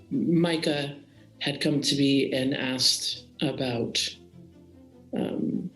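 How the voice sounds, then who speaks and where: A man puts on a worried elf vice chancellor who speaks formally and stiffly, hesitating between phrases. The voice sits a little high. It is recorded in an echoey room with faint music behind. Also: a bit bright, full character voice.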